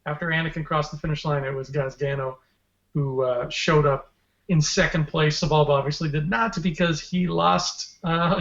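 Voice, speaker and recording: A man's voice: fairly high pitch, a bit bright. A man co-hosting a casual livestream podcast, talking in a playful, joking way with rambling asides. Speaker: podcast co-host. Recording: dull, echoey room sound.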